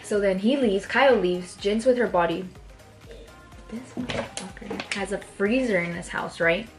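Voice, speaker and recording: A young woman telling a story in a loose, casual way to a friend, checking in often. Her voice sits at an ordinary middle pitch. Faint music plays behind her. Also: moderate pace. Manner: casual, keeps checking in with "right?". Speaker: vlogger.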